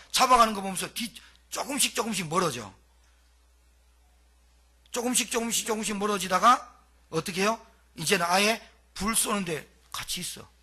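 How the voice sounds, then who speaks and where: A man's voice: sits high, sharp tone, breathy edge. A male pastor delivering a dramatic, colloquial sermon full of rhetorical questions.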